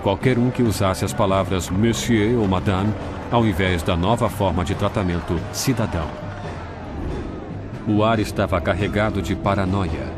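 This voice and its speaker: A man reading scripted documentary narration in a grave, measured way, recorded as a studio voice-over. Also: low voice. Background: music.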